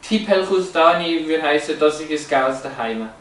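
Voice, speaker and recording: A man's voice: a little high, animated, moderate pace, a bit bright. A man explaining language features from slides, hesitant, with many fillers and restarts. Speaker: presenter. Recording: roomy, echoey, from a distance.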